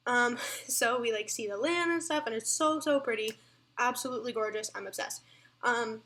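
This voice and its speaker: A woman's voice: fairly high pitch, a bit bright. A young woman telling a storytime vlog, chatty and breathless, full of fillers. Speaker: vlogger.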